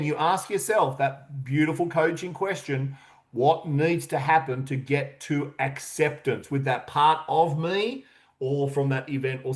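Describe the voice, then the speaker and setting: Slow, emphatic man coaching on confidence. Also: a little high. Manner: earnest, emphatic, repeats key questions. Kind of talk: motivational coaching talk.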